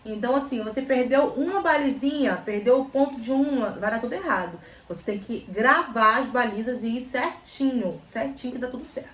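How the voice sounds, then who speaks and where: Brief: young Brazilian woman, chatty storyteller, fairly high voice, mic a bit distant, echoey room. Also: brisk, hardly any pauses. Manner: chatty storytelling, repeats phrases, animated retelling. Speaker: vlogger. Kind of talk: casual chat. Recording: roomy, slightly distant, faint ambience.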